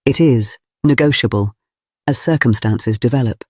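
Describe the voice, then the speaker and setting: A man reading the part of a composed, candid Regency gentlewoman in an audio story, careful, deliberate and formal. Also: mid-range voice, breathy edge, no echo, studio quality, natural voice.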